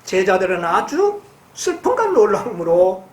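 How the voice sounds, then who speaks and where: A woman preaching a sermon. She reads passages slowly and then explains them, asking her listeners questions and answering them herself. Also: medium pitch, sing-song, echoey room. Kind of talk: sermon with Bible reading.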